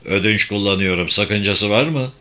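A man's voice: fairly low pitch, normal speed, pushed and bright. A man voicing an older male spy who talks in a dry, laconic way in an audiobook. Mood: wry.

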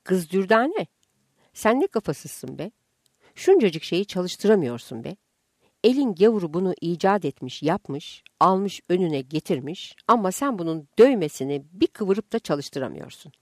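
Told by a woman, a gruff village husband scolds in coarse country speech. The voice sits low but swings widely. The sound is dry and close. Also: sing-song, unhurried, a little mellow, no echo, exaggerated voice. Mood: scolding. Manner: rough, insulting, rural speech.

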